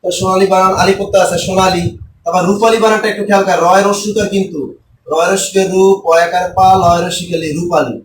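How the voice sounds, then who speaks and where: A man teaching a spelling lesson for exam takers, repeating and spelling out words slowly and asking questions he then answers himself. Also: high voice, fairly even intonation, echoey room, recorded from a distance, slight background noise, low-quality recording.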